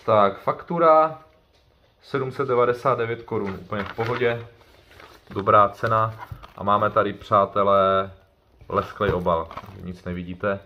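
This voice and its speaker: A chatty man unboxing things on his vlog, rambling along and often correcting himself mid-sentence. His voice is on the low side but bright and forceful. A faint hiss of noise sits behind him. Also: highs cut off. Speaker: YouTuber doing an unboxing.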